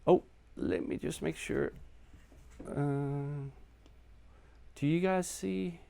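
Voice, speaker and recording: A man's voice: fairly high pitch, fairly even intonation, drawn-out words, vocal fry, warm tone, a little hiss or hum. A man from Denmark, casually chatting to viewers on his live stream from his apartment, rambling and joking at himself. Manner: chatty, rambling, self-deprecating. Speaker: live stream host and musician.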